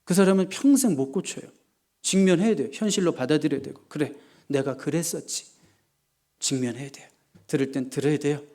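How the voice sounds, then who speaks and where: A male pastor giving a lively, dramatic sermon with humor and acted-out quotes. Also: a little high, fast talker.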